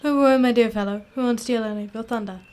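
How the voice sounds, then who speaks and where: A woman playing a genial, polite doctor, a detective's gentlemanly companion, in an amateur radio drama. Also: fairly high pitch, fast talker, clean tone, lightly acted. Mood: genial, curious.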